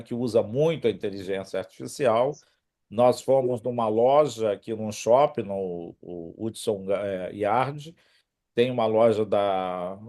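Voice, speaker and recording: A man's voice: medium pitch, warm tone. A Brazilian man hosting a casual group call as a professor, talking through a trade fair visit with frequent restarts. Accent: Brazilian Portuguese. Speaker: host, professor leading a retail trade delegation.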